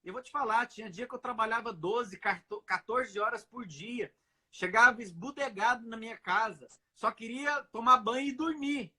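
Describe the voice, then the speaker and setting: A man from Brazil, a pastor, speaks earnestly in a live video chat with a high, bright voice that has a husky edge. He repeats his words and keeps checking in with "né?". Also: normal speed. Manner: earnest, repetitive, asks "né?" often.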